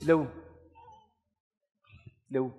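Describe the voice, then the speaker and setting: A man's voice: a little slow, dark tone, big-room sound, faint music behind. A man leading a deliverance service as pastor, commanding and repeating his words in a chant. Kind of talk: deliverance ministry. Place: church.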